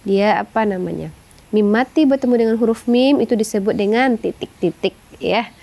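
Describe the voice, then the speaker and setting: High-voiced woman teaching Quran recitation. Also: creaky, mellow. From Indonesia. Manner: explains slowly, adds "ya" and "gitu" often, sings verses in long melodic phrases. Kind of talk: tajwid lesson with sung recitation.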